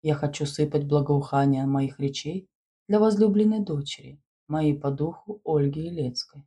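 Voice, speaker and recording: A woman voicing a mysterious male spirit from beyond the grave, speaking in slow, solemn phrases. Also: low voice, dark tone, breathy edge.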